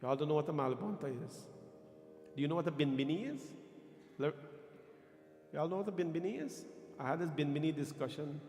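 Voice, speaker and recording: Fairly high in pitch and a little mellow, a Guyanese man delivers religious discourse to a congregation. Deliberate and emphatic, he asks his listeners questions, and the recording carries the long reverb of an echoey hall with faint music behind.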